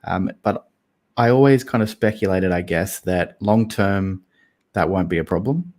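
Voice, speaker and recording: A man's voice: low voice, a little slow, a little mellow. A man co-hosting a casual investing podcast, talking things through thoughtfully and hedging often. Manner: thoughtful, hedging with "I guess" and "kind of". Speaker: podcast co-host.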